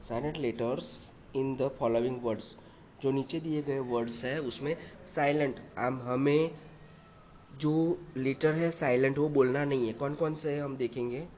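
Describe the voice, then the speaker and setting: A man walks through an English lesson at a very slow pace, spelling each word out letter by letter and repeating it. His voice sits at an ordinary pitch. The recording is dull and lo-fi, with a faint hiss underneath. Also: steady tone. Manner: spells words letter by letter, repeats, explains in Hindi. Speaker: English teacher.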